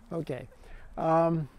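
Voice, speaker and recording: A man poet introducing his poems at a reading, halting, with many fillers and restarts. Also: fairly high pitch, darkish tone, dry recording. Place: arts venue.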